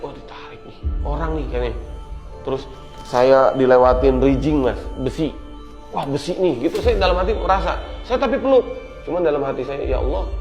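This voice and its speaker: A man telling an interviewer about surviving a disaster. He speaks earnestly and haltingly, repeats words, and sinks to hushed, murmured prayers at tense moments. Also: on the high side, echoey room. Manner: earnest, halting, often repeats words and addresses the listener as "Mas". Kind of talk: emotional first-person storytelling. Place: indoor room.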